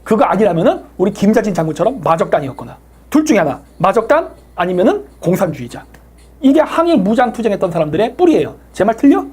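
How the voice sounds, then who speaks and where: A woman hosting a live stream, giving sharp political commentary, sarcastic and combative, firing rhetorical questions and thanking viewers by name. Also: mid-range voice, big pitch swings, quick pace, husky. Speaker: livestream host thanking viewers for donations.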